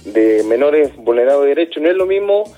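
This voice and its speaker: A man, a dismissed youth care worker, answering in a radio interview in an earnest, halting way, often repeating words. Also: fairly high pitch, lively intonation, warm tone, faint music behind.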